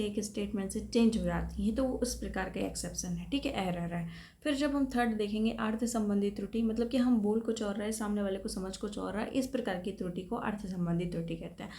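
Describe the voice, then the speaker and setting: A woman's voice: medium pitch, steady tone, fairly quick, darkish tone. A woman teacher explaining computer topics for a competitive exam in a patient lecture style, checking in often with her students. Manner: explanatory, checks in with repeated "thik hai". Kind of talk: classroom lecture.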